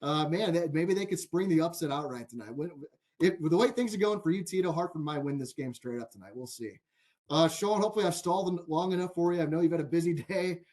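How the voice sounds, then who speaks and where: Chatty man, fairly high voice. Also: fast, a little mellow. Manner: chatty, laughs easily, full of fillers like "like". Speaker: co-host, sports betting podcast. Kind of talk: casual podcast chat.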